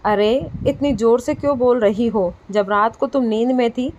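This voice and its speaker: A protective young husband in a storybook tale, tender with his sick wife and quick to scold her gently. The voice stays fairly high, since a woman narrator reads him. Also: lightly acted. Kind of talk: storybook dialogue reading.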